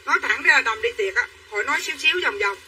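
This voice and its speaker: A woman's voice: fairly high pitch, animated, very fast, bright, forceful tone. A woman, selling dresses on a livestream in chatty sales patter to her viewers. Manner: chatty, addresses viewers as sisters. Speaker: livestream clothing seller. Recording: from a distance, faint room noise.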